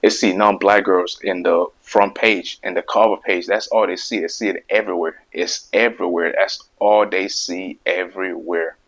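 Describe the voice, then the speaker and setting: A man with a deep voice hosts his own video, delivering a casual opinion monologue to camera. His intonation stays fairly even, his pace is moderate with few pauses, and his tone is fairly bright. He stutters and repeats words, hammering emphatic points again and again.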